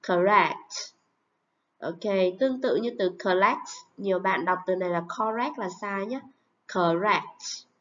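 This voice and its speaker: A woman teaching English pronunciation, saying model words and example sentences slowly and carefully. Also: mid-range voice. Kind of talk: pronunciation lesson. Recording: dull lo-fi recording.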